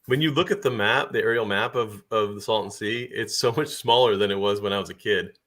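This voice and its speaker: A man's voice: on the low side, a little fast, a bit bright. A man hosting a casual livestream chat, talking easily and laughing often. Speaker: livestream host.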